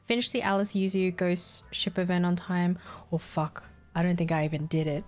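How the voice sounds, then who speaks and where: While gaming on a live stream, a tired, giggly Australian woman with Vietnamese as her first language chats casually and reads the chat aloud, a bit scatterbrained. Her lowish, darkish voice holds a steady tone at normal speed, with faint music in the background.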